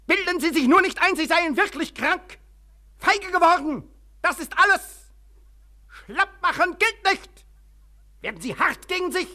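A man's voice: very high-pitched, expressive, unhurried, pauses often, pushed and bright, no echo, clean studio sound, full character voice. A man playing a stern, condescending asylum doctor who lectures and commands his patient in a German radio play. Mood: commanding.

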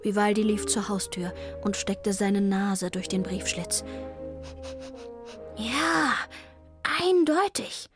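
Slow, calm woman reading a children's story. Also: medium pitch, music in the background. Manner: calm and clearly paced. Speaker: narrator.

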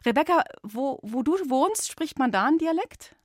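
A woman's voice: high-pitched, expressive, moderate pace, no echo, clean studio sound. Playful radio host woman. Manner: playful, chatty, laughs easily. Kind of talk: lively children's radio hosting.

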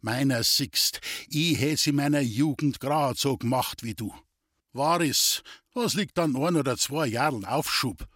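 A man's voice: mid-range voice, unhurried, no room sound, studio quality. A man voicing a good-natured old farmer and proud father with a Bavarian accent, talking in a rambling way. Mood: reminiscing. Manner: warm-hearted, rambling.

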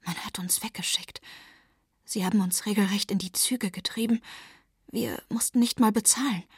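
A woman reading the part of a frightened young female student who speaks in a nervous hush, in a breathy voice. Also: medium pitch, normal speed, no room sound, studio quality. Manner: nervous hushed talk.

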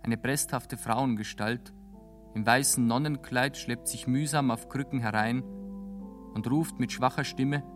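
Calm male narrator of stage directions. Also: mid-range voice, unhurried, over music.

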